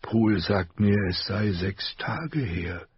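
A man voicing a wounded, weary lord, speaking weakly and quietly. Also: low voice, a little slow, gravelly, breathy edge, no echo, muffled recording, full character voice.

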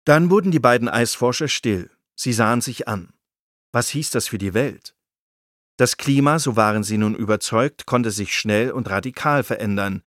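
Male narrator, mid-pitched voice, scripted nonfiction reading, vivid emphasis, dry close recording. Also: expressive, normal speed, a bit bright, no echo.

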